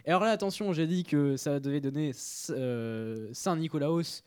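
A man's voice: a little high, moderate pace, darkish tone, clean tone, no room sound, studio quality. A young man presenting a radio column in casual talk, hesitant and full of fillers.

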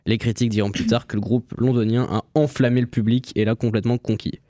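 A young man presenting a music history segment on the radio, halting and full of fillers. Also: mid-range voice, level tone, mellow, no echo, studio quality. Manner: halting, many fillers and restarts. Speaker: radio columnist. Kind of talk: reading a history segment on air.

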